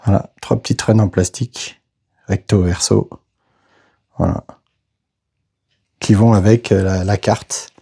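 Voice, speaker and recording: A man casually narrating a board game unboxing, hesitant and halting, filling pauses with little interjections as he handles each piece. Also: fairly low pitch, fairly even intonation, gravelly, dark tone, breathy edge. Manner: slow, hesitant, narrates each step with "voilà" and "hop".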